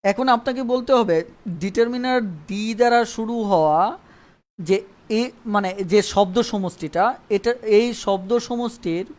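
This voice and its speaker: A man's voice: high-pitched, takes it slowly, a little mellow. A man teaching an online English grammar lesson live. He repeats points and keeps checking that viewers understand. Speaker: English tutor.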